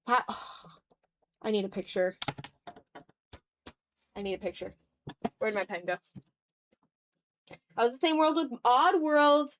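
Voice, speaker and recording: With a fairly high voice and lively intonation, she takes it slowly and leaves long pauses, over slight background noise. She is a woman in her twenties streaming her art from a room at home, casually chatting and muttering while drawing, self-deprecating and casually sweary.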